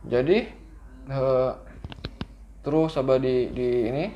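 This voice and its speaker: A middle-aged man telling his children a story from his own childhood in a casual, lively way, acting out his younger self. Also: medium pitch, takes it slowly, muffled recording, slight background noise. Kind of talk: casual bedtime-style storytelling.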